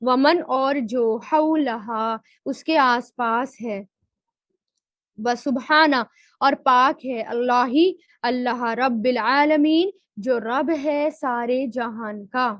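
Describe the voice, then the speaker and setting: The voice of this Quran grammar and tafseer teacher is on the high side, heard in a muffled recording with no room sound. She answers her own questions and takes her time spelling out Arabic word forms.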